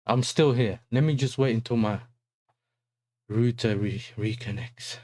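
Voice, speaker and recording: A man's voice: mid-range voice, unhurried, mellow, no echo, studio quality. London roadman-style man chatting on stream. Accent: London, urban street style. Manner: slangy roadman delivery, repeated tag questions. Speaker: football livestream host. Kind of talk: casual livestream chat.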